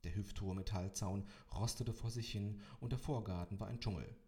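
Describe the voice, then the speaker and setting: A man's voice: lowish voice, a little mellow. A man in his twenties narrating an audiobook in the first person, with dry, wry delivery. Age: 20s.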